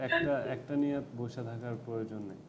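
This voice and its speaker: A man's voice: medium pitch, fast talker, a little hiss or hum. A man giving a casual IELTS tutoring lecture, mixing English tips into loose, chatty explanations with many fillers.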